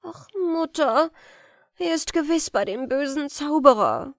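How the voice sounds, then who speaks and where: Woman as anxious young girl, high pleading voice, dry close mic, fairy tale audiobook. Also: expressive, a little slow, no room sound.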